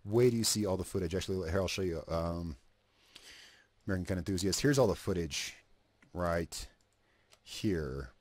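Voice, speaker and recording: A video creator narrates his own editing work in a casual screen recording, a cigarette between his lips. He thinks aloud, trails off, starts over, and swears now and then, his low, slightly mellow voice moderate in pace with long pauses, recorded dry.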